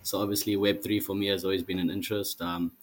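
A young man in his twenties introducing himself as a guest on a casual podcast, in a measured way with some fillers. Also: sits low, flat delivery. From South Africa. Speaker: guest, project team member.

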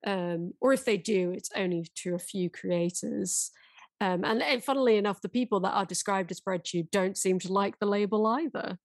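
A woman's voice: mid-range voice, normal speed, no room sound. A woman co-hosting a casual conversation, chatty and agreeable with frequent ums.

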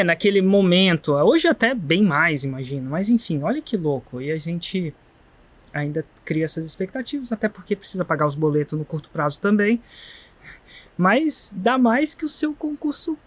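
A man with a Brazilian Portuguese accent hosting a live stream, talking casually and sincerely, wandering between stories. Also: fairly high pitch. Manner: chatty, digressive, sincere. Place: guesthouse, quiet spot.

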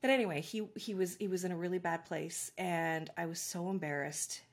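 This woman, a parent coach, has a fairly low voice and a brisk delivery. In a conversational interview she chats casually and tells stories with animation, laughing easily.

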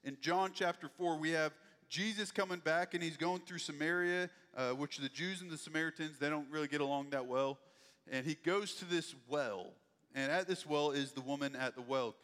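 A man's voice: fairly high pitch, normal speed, fairly bright tone, in a large hall. A man preaching a sermon in a conversational, folksy way. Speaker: pastor.

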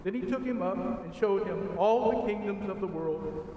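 A man solemnly proclaiming a Gospel reading in a measured, formal way, with cathedral echo. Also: high voice, lo-fi sound. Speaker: clergy reader of the Gospel. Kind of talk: solemn liturgical scripture reading. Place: large echoing church. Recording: cathedral echo, long reverb, clear background noise.

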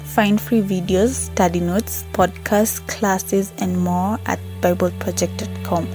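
A woman's voice: medium pitch, fairly even intonation, takes it slowly, poor audio. A woman from Kenya with a Kenyan accent, giving a prepared listener testimonial. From Nairobi, Kenya. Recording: music playing behind the voice.

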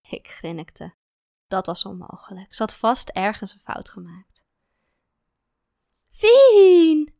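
A woman narrating a first-person story in a calm, even manner. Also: on the low side, unhurried, vocal fry, no echo, clean studio sound.

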